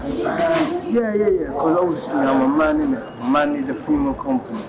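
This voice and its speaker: A man's voice: fairly high pitch, huge pitch swings, fairly quick. Slangy man in a noisy crowd. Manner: rambling, slangy, repeated 'innit' tags. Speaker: landlord. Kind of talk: casual chat, secretly recorded. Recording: busy crowd noise, hidden microphone.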